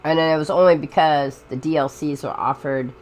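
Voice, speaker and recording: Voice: mid-range voice, steady tone, a little fast, poor audio. A gamer giving informal, rambling commentary while playing, chatting casually about games. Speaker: gamer, game streamer. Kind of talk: casual gameplay commentary and chat. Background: game music.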